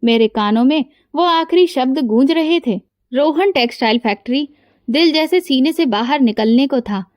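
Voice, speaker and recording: A woman narrating a scripted first-person story in a steady, emotional way. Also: sits high, dry recording, studio quality.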